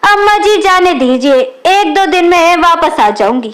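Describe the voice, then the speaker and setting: A woman reading the lines of a young married woman who is quick to anger and later sorry, in a storybook reading. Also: very high-pitched, lively intonation, a bit bright, full character voice. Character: young married woman, hot-tempered then remorseful.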